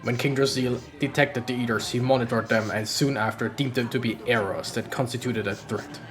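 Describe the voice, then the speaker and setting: A streamer voicing Omnimon, a grave armored knight guardian, in a forced, strained deep voice with a formal, measured way of explaining. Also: fairly even intonation, music in the background, natural voice. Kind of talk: game dialogue read aloud.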